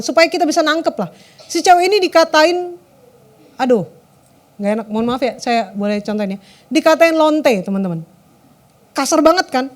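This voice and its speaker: A woman preaching to a youth congregation in a casual, conversational way. Her voice sits high, and she keeps turning to the listeners directly. Phrase endings often drop low and quiet. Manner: conversational, keeps addressing the audience, lets phrase ends drop low and soft. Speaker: youth service speaker. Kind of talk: sermon.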